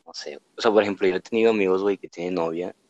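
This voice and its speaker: A young man with a Mexican Spanish accent speaks in a low, deep voice, relaxed and full of slang, and often hedges as he thinks. The sound is dry and close to the mic, with no room echo. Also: very fast, lo-fi sound. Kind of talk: casual chat.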